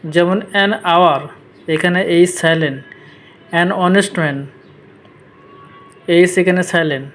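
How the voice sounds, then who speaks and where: A man walks through an English grammar rule, taking his time over each example. His voice sits slightly high, and his pace is unhurried and deliberate. He stresses the key points by saying them twice. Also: fairly bright tone. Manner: slow and deliberate, stresses key words with repetition. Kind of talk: slow explanatory lesson.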